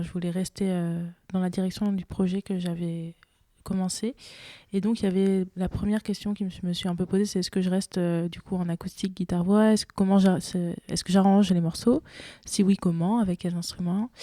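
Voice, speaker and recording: Soft-spoken hesitant young woman. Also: lowish voice, no room sound. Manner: hesitant, many fillers and restarts. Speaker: singer-guitarist guest. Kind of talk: casual interview chat.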